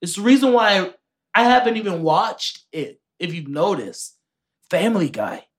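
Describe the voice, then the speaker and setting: A man hosting a casual podcast, animated and teasing, swearing casually as he chats. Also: sits high, moderate pace. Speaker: podcast host.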